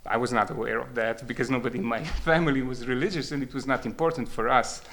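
A man's voice: medium pitch, quick pace, a bit bright. A man, speaking reflectively about his experience and often hesitating and repeating words as he thinks. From Croatia. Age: 30s. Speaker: speaker sharing personal experience. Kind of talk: reflective spoken testimony.

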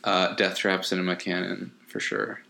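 A man's voice: low-pitched, monotone, moderate pace, vocal fry, pushed and bright. A man co-hosting a podcast in casual chat, rambling with fillers and restarts. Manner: rambling, frequent fillers and restarts, laughs often. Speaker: podcast co-host.

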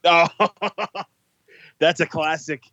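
A man's voice: a little high, steady tone, very slow, pushed and bright, dry recording, highs cut off. Laid-back man calling in by phone. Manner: laid-back, swears and laughs easily. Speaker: podcast co-host. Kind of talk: casual chat. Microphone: phone call.

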